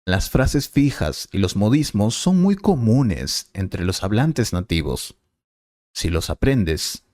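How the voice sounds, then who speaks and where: A man as a Spanish teacher, explaining clearly and patiently in a scripted lesson dialogue. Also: on the low side, sing-song, slow, a little mellow, no room sound, clean studio sound.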